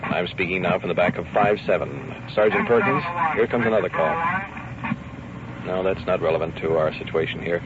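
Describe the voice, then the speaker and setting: Speaking at normal speed in a low register, a radio host reports live and off the cuff while riding along with police. The old field recording sounds phone-quality and very noisy, with vehicles and police radio around him both outdoors and in the car.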